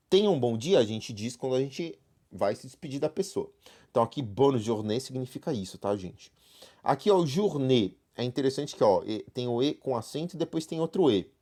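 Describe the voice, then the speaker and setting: A man with a warm, medium-pitched voice and a Brazilian Portuguese accent walks an online beginner French class through a textbook. He checks in often with "right?" tags.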